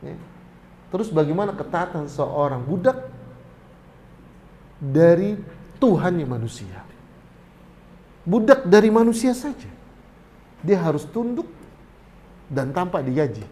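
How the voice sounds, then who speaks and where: A man's voice: fairly high pitch, big pitch swings, unhurried, long pauses, dark tone, a little hiss or hum. A middle-aged man giving a religious study talk to pilgrims, telling casual stories and rising to emphatic exhortation. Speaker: ustadz teaching hajj preparation.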